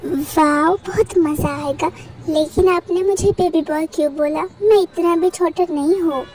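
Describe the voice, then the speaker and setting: A woman's voice: very high-pitched, measured pace, a little mellow, rough recording. A woman voicing a cute 17-year-old schoolboy who whines and pleads. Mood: cheerful. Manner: whiny and pleading. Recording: music playing under the voice.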